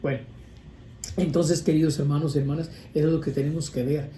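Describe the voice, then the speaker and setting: A male priest preaches about prayer in a loose, chatty way, circling back with restarts and asides. His voice is deeply mellow and warm, sitting at an ordinary pitch. The sound carries an echoey room with a faint hum of ambience behind it. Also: little pitch movement, fairly quick. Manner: conversational, rambling with restarts and asides. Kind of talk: informal sermon on prayer.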